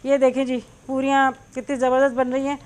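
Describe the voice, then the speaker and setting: A woman's voice: sits high, monotone, fast, a little mellow. A middle-aged woman, host of a cooking channel, chattily telling a long personal story while she cooks, with many small fillers.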